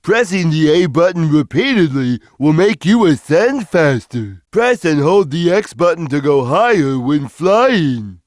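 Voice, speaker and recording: A big gentle slow-witted cartoon cat for a game, kinda high for a male voice, childlike n drawn out, dry close sound. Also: big pitch swings, no room sound. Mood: slow, instructive. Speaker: video game character. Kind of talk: video game voice lines.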